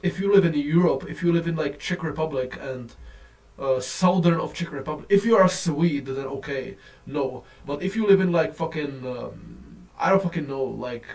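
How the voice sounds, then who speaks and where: A man's fairly high voice rants on in a casual, profane, rambling way. It sounds like a low-quality phone recording, with the speaker set some way off from the mic. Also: normal speed, darkish tone, far from the mic. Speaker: vlogger. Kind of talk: casual rant to camera.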